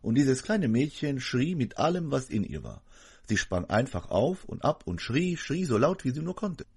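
Man for a sermon voice-over, earnest and emphatic, slightly husky, lively intonation. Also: mid-range voice, moderate pace. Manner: earnest, emphatic preaching address to a congregation. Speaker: preacher.

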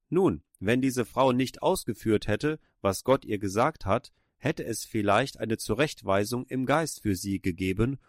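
A man's voice: medium pitch, dry recording, clean studio sound. A man preaching a sermon, retelling a story in an earnest manner and urging his listeners on with emphatic exhortations.

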